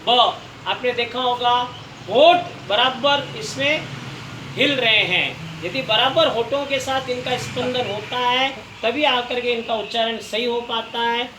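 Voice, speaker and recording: A man's voice: extremely high pitch, measured pace. A man teaching a recorded language lesson, patiently repeating each sound for listeners to try. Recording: echoey room, faint background noise.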